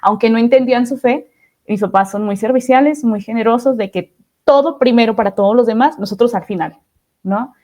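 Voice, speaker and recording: Podcast guest: woman, warm mellow tone, slightly high, reflective testimony. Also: a little fast. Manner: reflective, often ends phrases with "¿no?". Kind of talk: testimony interview.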